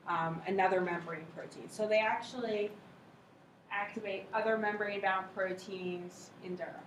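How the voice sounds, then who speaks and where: This university lecturer has a medium-pitched, fairly bright voice and keeps things informal and conversational, pausing to check in with students during a cell biology lecture with questions. She's in an echoey lecture hall or classroom, picked up by a distant mic with faint noise.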